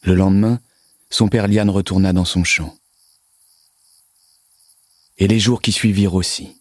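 A man calmly reading a children's story aloud in a measured, scripted narration. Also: low voice, dry recording, clean studio sound.

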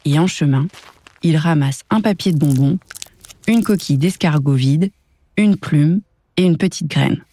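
A woman narrating a children's story in a lively storytelling voice. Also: low voice, moderate pace.

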